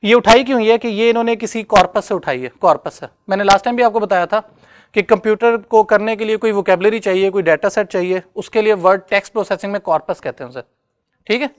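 A man's voice: high-pitched, fast talker. A man giving a classroom lecture, talking conversationally and often checking whether students follow.

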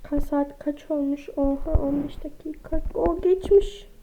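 A woman's voice: sits high, fairly even intonation, a little slow. A woman giving casual gameplay commentary, chatting to her viewers as friends and sounding slightly under the weather. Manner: chatty, talks to viewers as friends, exclaims at animals. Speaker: gaming vlogger. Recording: dull lo-fi recording with faint noise.

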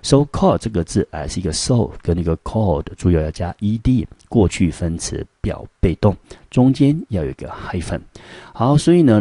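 Male English teacher, Taiwanese Mandarin accent, low dark voice, dry close recording, lecture pacing with fillers. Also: husky, dry recording. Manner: frequent fillers "好" and "呢", rising pitch on prompts, slow syllable-by-syllable spelling. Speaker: high school English teacher. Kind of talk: recorded classroom lesson explaining vocabulary and grammar.

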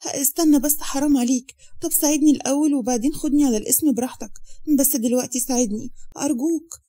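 A woman's voice: fairly high pitch, fast talker, dark tone, natural voice. A woman voicing a cheeky young Egyptian runaway girl. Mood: pleading. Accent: Egyptian Arabic. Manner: pleading, teasing and cheeky.

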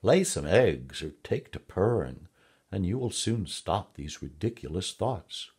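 A man's voice: low-pitched, big pitch swings, a little slow, darkish tone, breathy edge, exaggerated voice. A man voicing an impatient female hen in a storybook reading, scolding and clucking.

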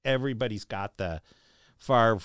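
Hosting a casual interview, a man asks long, rambling questions conversationally and shares memories of his own racing days. His voice is lowish, a bit bright, clear and resonant, at a moderate pace. It's a dry recording with clean studio sound.

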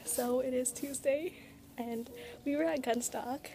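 A woman's voice: high-pitched, fairly even intonation, measured pace, creaky, warm tone. A young woman casually chatting to a handheld camera as a vlogger. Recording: noisy handheld vlog audio.

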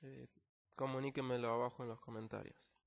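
Walking students through a technical text word by word, this patient English teacher with an Argentine accent uses lots of fillers in a screen-recorded lesson. His mid-range voice is flat, creaky and fairly quick, captured in slightly dull lo-fi.

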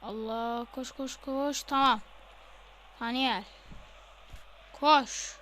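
A woman playing a football video game live, excitable, yelling instructions at the screen and swearing. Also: on the high side, very slow, a little hiss or hum. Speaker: gamer.

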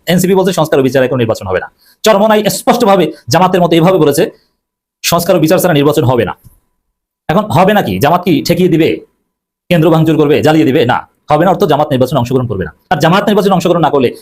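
Male pundit, fast, slightly high, combative and repetitive, for a politics segment. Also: darkish tone. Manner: fillers and self-corrections. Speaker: political commentator. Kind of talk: opinionated political commentary.

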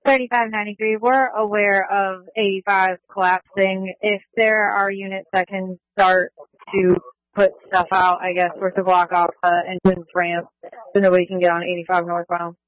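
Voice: mid-range voice, flat delivery, normal speed, dry recording. An emergency worker coordinating units over the radio. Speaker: emergency services radio user. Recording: muffled scanner radio audio.

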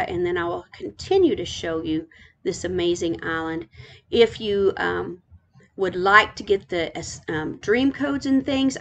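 A middle-aged woman gives a casual tour, her voice sitting at an ordinary middle pitch. She gushes and repeats words of praise over and over. A faint hum of ambience sits behind her. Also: fairly bright tone. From Texas. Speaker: island tour host. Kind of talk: casual game island tour narration.

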